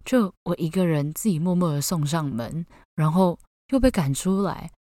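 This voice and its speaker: A young woman with a Taiwanese Mandarin accent and a low voice tells a story on her podcast. She talks in a lively, disbelieving way and keeps dropping in "OK". The sound is close and dry. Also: normal speed, dry recording. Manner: animated, incredulous, peppers speech with "OK". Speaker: podcast host.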